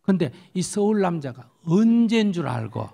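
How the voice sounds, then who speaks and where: Older-sounding monk, gravelly and highly expressive; tells stories and fires rhetorical questions. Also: male voice, moderate pace. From South Korean countryside. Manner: animated storytelling, acts out quotes, rhetorical questions. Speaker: Buddhist monk answering questions. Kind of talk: lively spoken dharma Q&A.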